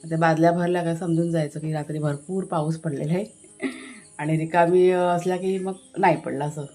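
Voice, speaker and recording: A woman's voice: deep voice, fairly even intonation, a little fast, warm tone, faint music behind. A woman with a Konkan Marathi accent, chatting casually as she shows viewers around her village home and garden. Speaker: family vlogger. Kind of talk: casual village vlog narration.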